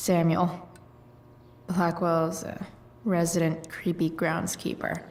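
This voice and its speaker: A sarcastic teenage rebel girl for a video game. Her voice is lowish and very unhurried, with awkward hesitations and wry, muttered slang. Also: level tone, a little mellow, a little hiss or hum. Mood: wry, muttering.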